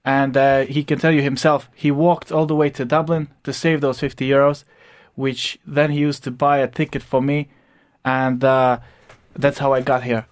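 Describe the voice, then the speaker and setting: Young Croatian-accented man, mid voice, steady radio guest storyteller. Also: mid-range voice, normal speed. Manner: steady storytelling with some fillers. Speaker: interview guest. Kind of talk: radio interview. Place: radio studio.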